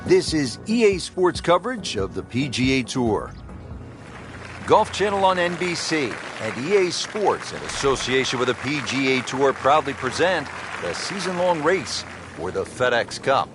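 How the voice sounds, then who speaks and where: A man's voice: medium pitch, big pitch swings, measured pace. A man playing a composed, admiring television golf commentator calling a scripted sports broadcast. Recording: crowd and music behind broadcast voice. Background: crowd ambience and music.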